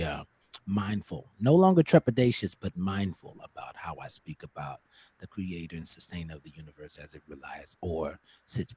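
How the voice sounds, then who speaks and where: A man, a poet and vocalist, giving thoughtful, informal answers on a panel with careful, deliberate wording. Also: low-pitched, darkish tone, husky.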